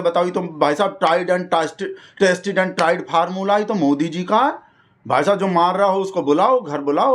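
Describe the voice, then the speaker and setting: Guy w an ish doing a rambly satire bit, folksy, kinda high voice. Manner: rambling, mock-earnest, folksy. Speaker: satirist in character as a devoted supporter. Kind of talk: satirical monologue.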